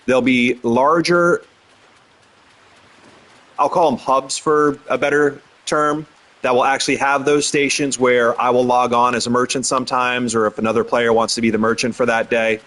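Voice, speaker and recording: A man hosting a game livestream, explaining his server rules in a relaxed, chatty way. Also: mid-range voice. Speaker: game streamer and server host. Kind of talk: casual livestream commentary.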